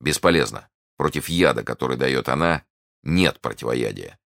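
A man reading aloud and voicing a grave, stern nobleman in a storybook reading, low and heavy. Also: lively intonation, fairly quick, a bit bright, no room sound, studio quality.

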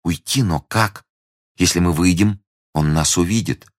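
Male narrator playing a fearful, secretive young woman: hushed, hesitant, quiet, dry booth. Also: deep voice, measured pace, no room sound. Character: young woman, anxious secretive lady in danger.

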